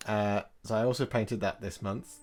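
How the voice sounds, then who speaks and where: A man hosting a casual hobby chat, talking through his own work in a relaxed, joking way. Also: on the low side, normal speed.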